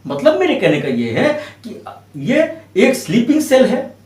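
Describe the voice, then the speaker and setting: Animated man, lively high voice. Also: measured pace, reverberant, distant mic. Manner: animated, acts out quoted voices in his story. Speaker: advocate, guest expert. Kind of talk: explanatory storytelling in an interview.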